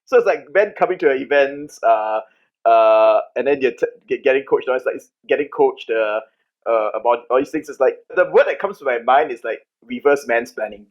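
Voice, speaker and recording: A man hosting a casual interview over a video call, asking questions with quick stumbling restarts. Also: medium pitch, animated, muffled recording. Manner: fast, stumbling restarts, laughs easily. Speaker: interviewer host.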